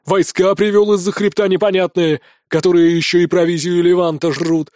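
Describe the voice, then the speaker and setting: A man voicing a wrathful, domineering king scolding his son in an audiobook, with a booming, shouting delivery. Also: animated, moderate pace, dry recording, clean studio sound, lightly acted. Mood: furious. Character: wrathful middle-aged male king, domineering father. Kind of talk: audiobook character voice.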